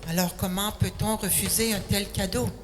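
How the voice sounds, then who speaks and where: An older woman from Quebec City with a Québécois accent, giving a personal testimony and telling her story in an unhurried way. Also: medium pitch, fairly even intonation. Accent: Québécois French. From Quebec City, Canada. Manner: slow, unhurried storytelling, sentences often starting with 'alors'. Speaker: speaker giving a faith testimony. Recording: echoey hall with faint noise.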